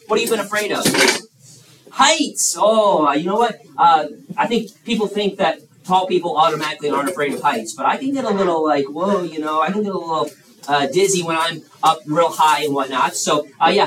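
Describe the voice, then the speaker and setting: Talking a little fast in a fairly high, fairly bright voice, a thirty-something preacher addresses young people and takes their questions. He's folksy and conversational, often using fillers and starting over. The recording has echo, faint hiss, and a distant mic.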